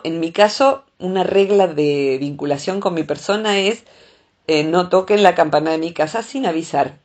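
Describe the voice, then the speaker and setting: A woman with a Rioplatense Spanish accent, talking through ideas in a casual podcast chat, often pausing on "eh". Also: fairly low pitch, a little mellow. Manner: thoughtful, explains with many filler "eh"s.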